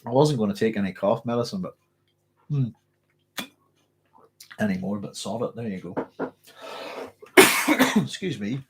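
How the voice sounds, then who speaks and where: A Northern Irish man hosts a casual live stream amid background noise, chatting and reading comments in a lowish, very animated voice. He speaks a little slowly, pausing often, rambling with fillers and restarts, his throat tickly with a cough.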